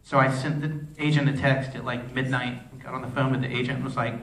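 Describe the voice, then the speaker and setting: A film director answering audience questions at a festival Q&A, rambling, restarting sentences and using many fillers. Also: male voice, mid-range voice, flat delivery, fast, fairly bright tone. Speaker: film director at a post-screening Q&A. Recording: echoey hall, voice from far off.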